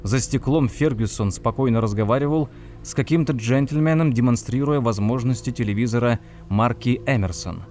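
A man narrating an audiobook in a measured, expressive reading. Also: medium pitch, faint music behind. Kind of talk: scripted narration.

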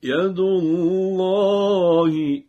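A man reciting short Quranic example phrases in a melodic, drawn-out chant. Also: high-pitched, warm tone, muffled recording.

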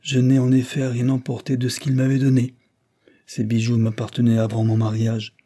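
A man reading an audiobook voices a distraught young aristocratic woman who has fled her husband, speaking softly and with shame. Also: mid-range voice, completely flat delivery, normal speed, lightly acted. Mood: proud.

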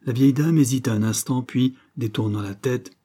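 Husky-voiced male audiobook narrator. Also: medium pitch, normal speed, mellow.

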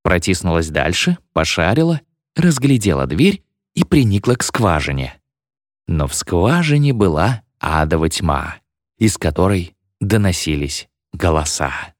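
A man reading a story aloud, expressive and acting out the characters. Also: sits low, unhurried, no room sound, clean studio sound. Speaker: narrator. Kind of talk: scripted narration of a story.

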